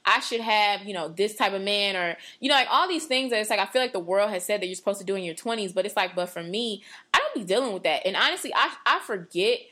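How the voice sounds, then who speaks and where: Expressive and fast, her medium-pitched voice rings bright with a forceful tone. She's a late-twenties podcast co-host sharing her faith earnestly and at length, casual and rambling, with lots of "like," fillers, and starts over.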